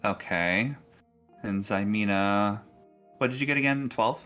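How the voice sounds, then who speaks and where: Running a tabletop role-playing game, a man speaks in a fairly low voice that is still bright and forward. His narration is improvised, casual and halting, with frequent pauses, and music plays in the background.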